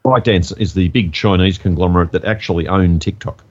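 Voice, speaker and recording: Man, very low voice, measured and hesitant, casual podcast chat, slightly dull recording. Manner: measured, hesitant with many uhs. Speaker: podcast co-host.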